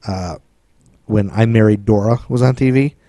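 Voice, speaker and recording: Male comedy co-host, jokey and loose, mellow tone, dry close sound. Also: fairly low pitch, moderate pace, no echo. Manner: joking, throws in silly put-on voices and trivia asides. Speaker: podcast co-host. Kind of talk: casual comedic chat.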